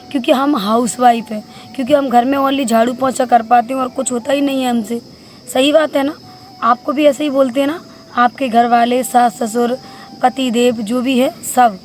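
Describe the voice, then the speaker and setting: A woman's voice: sits high, a little hiss or hum. A young adult woman, a housewife and vlogger, giving an earnest, heartfelt motivational talk to camera, pleading and repeating herself.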